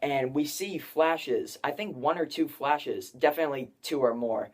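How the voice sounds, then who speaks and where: A man's voice: a little high, measured pace. A young man hosting a casual spoiler discussion of a film, rambling with many fillers. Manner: rambling, filler-heavy, says 'like' often. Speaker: film review host.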